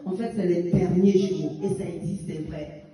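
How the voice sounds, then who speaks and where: In an echoey church hall recorded from afar, a woman in her fifties delivers a fervent testimony and exhortation with emphatic rising bursts. Her voice is lowish, steady and dark at a normal speed, with soft music underneath.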